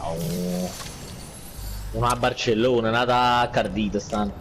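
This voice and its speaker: A man with a Neapolitan accent in casual gaming chat with friends, excitable and swearing freely. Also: on the low side, unhurried, a little hiss or hum. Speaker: gamer in squad voice chat.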